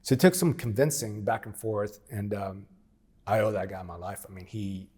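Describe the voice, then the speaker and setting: Speaking as an interview guest, this ex-military operator in his 40s recounts his experiences plainly and frankly, frequently reenacting old conversations. His voice is fairly low, husky and a little mellow, at normal speed.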